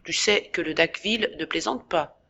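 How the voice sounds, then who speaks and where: A woman voicing a tender young man who comforts his younger brother, speaking softly and reassuringly in an audiobook. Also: on the low side, moderate pace, creaky, heavily acted. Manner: soft, reassuring, slightly trembling. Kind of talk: audiobook character voice.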